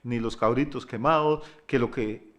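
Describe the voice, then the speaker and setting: A middle-aged man preaching a sermon as pastor, emphatic, moving between loud declarations and quiet asides, stacking up lists of words. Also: mid-range voice, moderate pace. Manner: repeats words, piles up lists.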